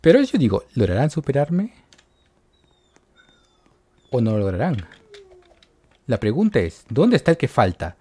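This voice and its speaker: A man giving excited gameplay commentary to his viewers, yelping and shrieking when he gets caught. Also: medium pitch, a little slow, pauses often, breathy edge. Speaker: gaming YouTuber.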